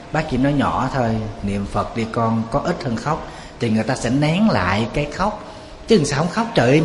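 A Buddhist monk delivers a sermon in a conversational way, speaking at a mid pitch and often putting rhetorical questions to his audience. His voice echoes through a large temple hall over a faint hum of background ambience.

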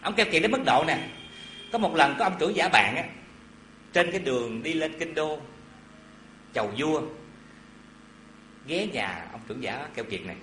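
Guy preaching dharma talk, fairly high voice, roomy echo. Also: moderate pace, long pauses, slight background noise. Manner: animated folksy storytelling with asides to listeners. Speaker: Buddhist preacher. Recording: echoey hall with faint ambience.

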